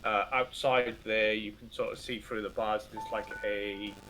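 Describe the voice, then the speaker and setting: A man improvising narration as a tabletop game master, halting and informal, with the odd mild swear. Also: on the low side, little pitch movement, bright, forceful tone, soft background music.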